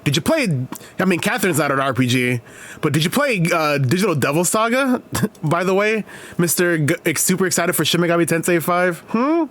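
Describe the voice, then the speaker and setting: A man's voice: high-pitched, sing-song, fairly quick, fairly bright tone. A man streaming live, reading reviews aloud and reacting with rambling jokes and frequent laughter. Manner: rambling, joking, laughs often.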